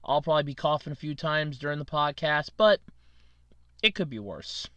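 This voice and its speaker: On his casual solo podcast, a male host speaks in a slightly high, animated voice with a sharp tone at normal speed, and there's no echo. Allergies leave his throat scratchy as he rambles, corrects himself, and chuckles.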